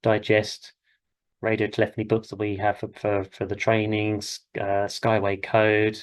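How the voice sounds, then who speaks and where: Speaking in a fairly low, monotone voice, this British man runs a casual class as a helicopter flying instructor and session host. His pace is measured and his tone clear and resonant, and though he wanders and hesitates, he keeps encouraging his students.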